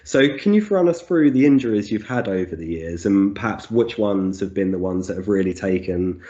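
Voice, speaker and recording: A man's voice: on the low side, lively intonation, normal speed, warm tone. A man hosting an interview, friendly and enthusiastic as he puts questions to his guest. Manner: friendly, enthusiastic, says "very cool". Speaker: podcast host. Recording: dull lo-fi audio.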